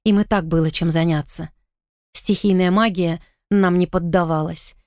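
Woman, audiobook narrator, steady first-person reading, slightly low voice, dry close sound. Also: normal speed, dry recording.

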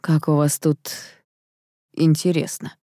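A woman reading an audiobook, voicing a drunk, carefree young man who teases and swoops between high and low notes. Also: flat delivery, slow, warm tone, dry recording, clean studio sound. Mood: teasing.

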